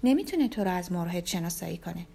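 A woman narrator voicing a beautiful, manipulative young woman who speaks in a soft, flattering, cajoling way. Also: fairly low pitch, creaky, husky, full character voice. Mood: coaxing. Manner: gentle like a careful kind nurse.

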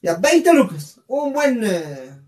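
A man's voice: extremely high pitch, takes it slowly. A man with a Bolivian accent, co-hosting a podcast and telling a story in casual, slangy chat. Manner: animated, laughing, slangy storytelling. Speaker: podcast co-host. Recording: roomy, distant from the mic.

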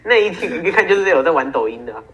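A man's voice: fairly high pitch, sing-song, rapid-fire, fairly bright tone, breathy edge. A teenage boy from Taiwan, co-hosting a casual podcast, telling stories and teasing his friend. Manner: storytelling, teasing. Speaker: podcast co-host. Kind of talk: casual chat. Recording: muffled single-track home recording.

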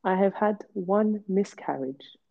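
Telling her personal story candidly on her podcast, a woman speaks slowly in a mid-range voice. She's emphatic and blunt, repeating things for stress, and the recording has a dull lo-fi quality.

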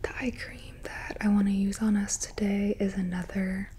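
A woman doing a whispered role-play as a gentle, soothing spa attendant, in a soft, breathy whisper. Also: mid-range voice, level tone, moderate pace, a little hiss or hum. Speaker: ASMR host playing a spa beautician.

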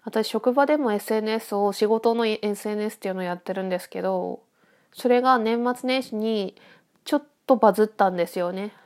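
A woman's voice: mid-range voice, a little fast, darkish tone. A woman with a stuffy-nosed, nasal voice chatting casually on her own as an audio podcast host, reflective and hesitant as she thinks aloud.

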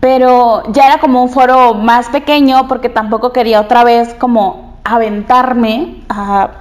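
A woman's voice: fairly high pitch, fairly even intonation, a little slow. A young woman, telling a personal story candidly and repeating phrases for emphasis.

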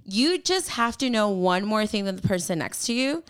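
A woman's voice: mid-range voice, normal speed, smooth. A woman photographer talking casually about mentoring and networking, acting out the people she quotes. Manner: animated, mimics whiny voices when quoting people. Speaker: photographer and group organizer. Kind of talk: casual podcast-style chat.

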